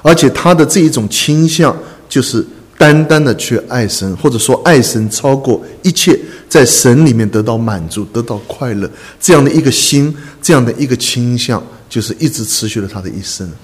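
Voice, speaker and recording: A man's voice: medium pitch, lively intonation. Earnest preacher man in an echoey hall. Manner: earnest, repeats phrases, frequent drawn-out "ah" fillers. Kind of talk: sermon.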